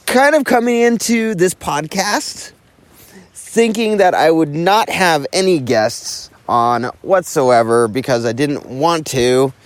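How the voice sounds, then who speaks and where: Lively, enthusiastic male podcast host. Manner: enthusiastic, lively swings in pitch. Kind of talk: casual podcast chat. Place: at a home property in California.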